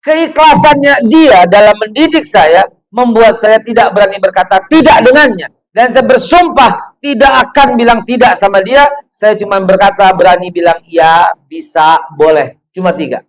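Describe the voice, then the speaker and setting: A man, preaching to a women's gathering in an animated storytelling way, full of rhetorical questions. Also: high voice, normal speed, rough recording.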